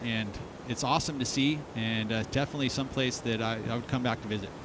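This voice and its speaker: A man's voice: steady tone, quick pace. Conversational male surf analyst, noisy broadcast. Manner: conversational, explanatory. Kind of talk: live analytical commentary. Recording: clear outdoor rumble and noise.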